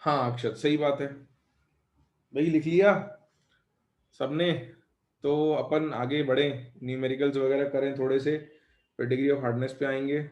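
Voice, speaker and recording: A male chemistry teacher giving a live lecture, dictating questions slowly and chatting with his students. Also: mid-range voice, flat delivery, darkish tone, echoey room, lo-fi sound.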